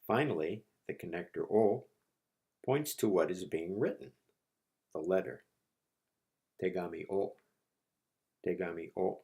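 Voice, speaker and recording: A man teaching a language lesson, repeating each word slowly and patiently for learners. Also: deep voice, creaky, warm tone. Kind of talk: slow, patient lesson narration.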